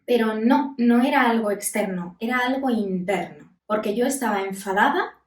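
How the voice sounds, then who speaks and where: A woman in her thirties, a psychologist, talking candidly and calmly about grief, with many pauses. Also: on the high side. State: voice breaking with emotion. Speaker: psychologist and podcast host. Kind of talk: reflective self-help talk. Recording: roomy echo, mic at a distance.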